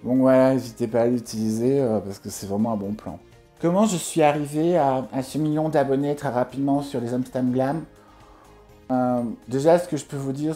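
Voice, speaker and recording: Parody vlog influencer, played by a man: female, ditzy, affected, money-loving, mellow tone, light music underneath. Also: mid-range voice, pitched above the performer's own voice, close to an everyday voice. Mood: vain, hesitant. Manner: affected, airheaded, hesitant. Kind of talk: parody beauty vlog sketch.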